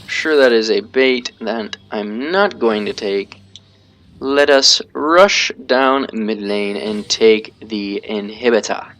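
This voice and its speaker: Here the gamer's voice sits lowish, slow-paced and fairly bright. As he plays, he offers relaxed live commentary on his tactics, thinking out loud and laughing at his own slip-ups.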